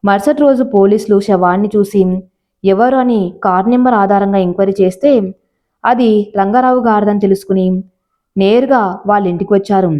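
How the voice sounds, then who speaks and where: A woman narrating a scripted story in a plain, steady storytelling manner. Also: medium pitch. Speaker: audiobook narrator. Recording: slightly dull lo-fi audio.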